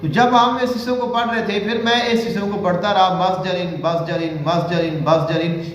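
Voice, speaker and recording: A man from Pakistan with a Punjabi accent, a cleric giving religious instruction who recites long sacred names slowly and deliberately. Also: very high-pitched, fairly bright tone. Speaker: Islamic spiritual healer and cleric. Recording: very echoey room.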